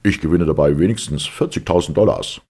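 A hot-tempered sea captain who shouts and curses in a loud, raised voice, as a male narrator puts him on. The tone is gravelly and husky, and it swings widely in pitch. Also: expressive, normal speed, heavily acted. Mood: gruff, mollified. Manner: shouting, furious outbursts. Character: angry blustering sea captain, middle-aged man.

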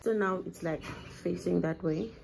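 Low gravelly woman vlogging. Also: unhurried, a crowd in the background. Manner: chatty and rambling, talking to camera while doing chores. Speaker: vlogger and mother. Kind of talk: casual home vlog chat. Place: at home.

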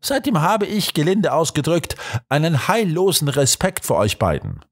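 Guy reading as a hotheaded gruff inspector, pitch jumping all over. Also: big pitch swings. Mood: grumbling. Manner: gruff, quick to anger. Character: blustering excitable male police inspector.

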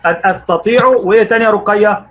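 His voice sits high as this Egyptian primary school Arabic teacher works with young pupils online. He quizzes them by name, encourages them, and reads slowly with stretched-out words. The audio is narrow and tinny, with slight background noise.

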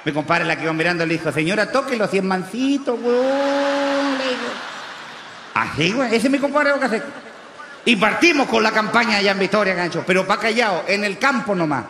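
Brief: a loud, crude country huaso from Chile, high-pitched and bright, on a reverberant live stage. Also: male voice, fairly quick, background noise. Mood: boastful. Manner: brash, crude slang, shouty punchlines. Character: crude rowdy rural Chilean huaso man running for mayor. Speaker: comedian in character. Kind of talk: stand-up character monologue.

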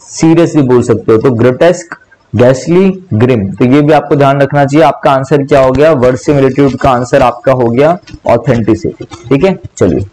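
A man's voice: medium pitch, moderate pace, darkish tone, low-quality recording. A young man teaching a vocabulary class online, explaining word meanings with repetition and spelling words out letter by letter. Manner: mixes English words into speech.

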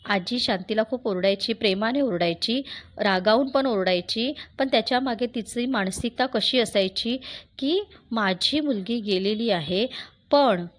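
A woman's voice: on the high side, measured pace. A woman teacher reading a story aloud and explaining it, asking herself rhetorical questions as she goes.

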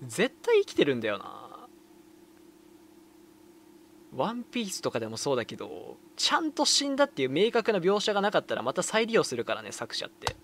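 Excitable man commenting on a game. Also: fairly high pitch, brisk, gravelly, a little hiss or hum. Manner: excitable, laughing, chatty asides. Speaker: game streamer. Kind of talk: let's play commentary. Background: game music.

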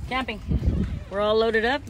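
A woman's voice: a little high, fairly even intonation, normal speed, very noisy. Upbeat woman vlogging from a jet ski. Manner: upbeat, chatty, addresses viewers as y'all. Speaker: travel vlogger and host. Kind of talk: casual vlog narration to viewers. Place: outdoors at a marina and riding a jet ski on open water. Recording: background music under the voice. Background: music.

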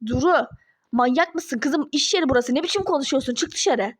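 A woman's voice: high voice, brisk, no room sound, clean studio sound, pitched below the performer's own voice, close to an everyday voice. A woman voicing an irritated man at his workplace, defensive and brushing off his ex-wife in a toy-game role-play drama.

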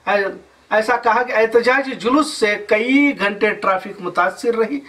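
A man's voice: high-pitched, a little slow, bright, forceful tone, distant mic. A man in his thirties reading a news report as anchor, with formal Urdu-flavored delivery in a studio.

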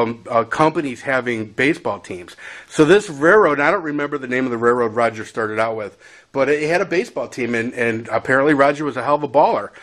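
A man's voice: fairly high pitch, a bit bright. A man telling a casual story about his railroad days, rambling and chuckling with conversational asides. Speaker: former railroad crew storyteller. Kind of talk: casual spoken anecdote.

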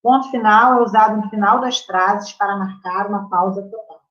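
A woman's voice: mid-range voice, moderate pace, a bit bright. A Brazilian Portuguese-accented woman teaches a live grammar class. She talks in a chatty way and keeps checking in with her students. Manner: chatty, checks in with the class by constantly asking "right?". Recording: roomy, slightly muffled room sound.

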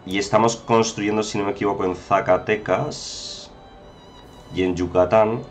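A man's voice: on the low side, steady tone, measured pace, soft background music. A man giving chatty, casual commentary over a strategy game, often exclaiming and talking to viewers. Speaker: gameplay commentator.

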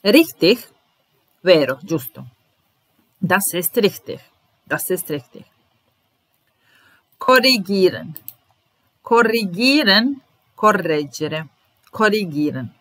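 A woman teaching a German vocabulary lesson to Italian speakers, saying each word slowly and repeating it with translations and example sentences. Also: medium pitch, very animated, a bit bright, dry recording.

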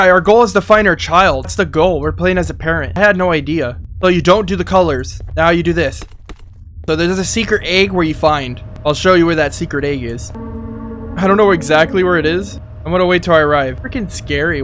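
A young man with a fairly high voice hosts a casual gaming video. He thinks aloud as he plays, jumpy and given to exclamations. Faint music sits behind his close-miked voice. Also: fairly bright tone. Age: young adult. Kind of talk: casual let's-play commentary. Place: small indoor gaming setup.

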